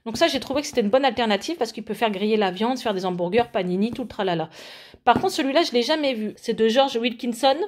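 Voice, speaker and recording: Chatty French vlogger mom showing products. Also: female voice, fairly high pitch, animated, fast talker. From France. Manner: chatty, shows products to camera with many fillers. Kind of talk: casual haul vlog.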